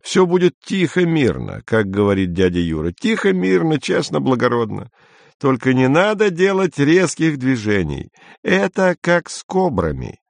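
A man reading an audiobook, voicing an excitable, brash man in a high, drawn-out, insistent voice. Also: gravelly, dry recording. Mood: glib.

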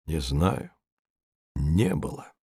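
A man reading the part of a withdrawn young male spaceman in a low, hushed voice. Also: expressive, very slow, creaky, slightly rough, no echo, studio quality, full character voice. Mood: subdued.

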